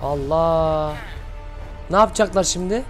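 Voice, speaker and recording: A man hosting his channel, giving excited reaction commentary and shouting at the screen in casual slang. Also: a little high, measured pace, faint music behind. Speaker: channel host reacting to an animation.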